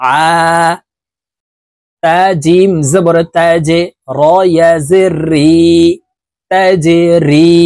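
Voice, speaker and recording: A man teaching Quran letter reading, spelling out each syllable and then slowly drawing out the whole word. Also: on the high side, a little mellow, dry recording. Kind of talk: slow spelled-out recitation lesson.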